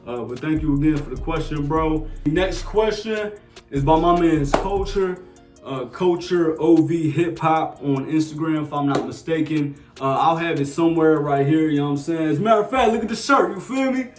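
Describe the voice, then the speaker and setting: Speaking at a normal speed in a voice on the high side, a twenty-something sneaker YouTuber from New Jersey answers viewer questions casually in a Jersey accent, slangy, laid-back and full of fillers. It's a casual Q&A vlog. He's far from the mic in an echoey room, with faint music.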